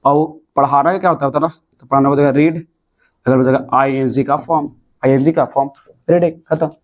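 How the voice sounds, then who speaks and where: A man's voice: medium pitch, steady tone, brisk. A young man with a Bihari Hindi accent teaching a classroom grammar lesson, explaining step by step and answering his own questions.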